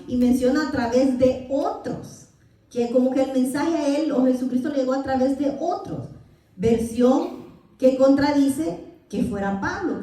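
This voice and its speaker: A woman's voice: high-pitched, dark tone. Salvadoran woman teaching in an echoey hall. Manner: questions the class, answers with amen. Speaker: Bible institute teacher. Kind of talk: church Bible class teaching. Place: church hall. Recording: echoey church hall from far off.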